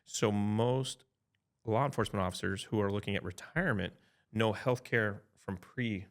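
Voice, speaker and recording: A man in his fifties with a lowish voice talks through insurance options as an advisor in a loose podcast conversation. He thinks aloud, backs up and restarts, and keeps tossing in "right?" to check that his listener is following. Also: normal speed. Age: 50s. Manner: chatty, frequent "right?" tag checks and restarts. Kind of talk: casual podcast explanation.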